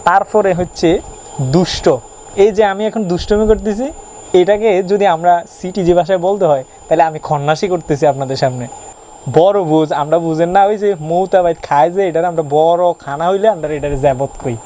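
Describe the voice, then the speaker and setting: A young man with a Chittagong Bengali accent chats in a playful vlog, his voice sitting a touch high. He teases the viewer with questions as he goes. A faint hum runs under the recording. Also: a little fast, dark tone, rough recording. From Chittagong region of Bangladesh. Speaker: YouTuber. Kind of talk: casual vlog about regional dialect words.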